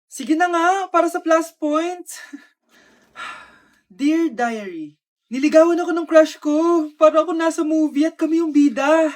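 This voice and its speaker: Whiny, dramatic teen schoolgirl, played by a woman, high voice, comic sketch. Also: measured pace, darkish tone. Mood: flustered. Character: flustered teenage schoolgirl writing a diary. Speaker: student in a comedy skit. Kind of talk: comedy skit.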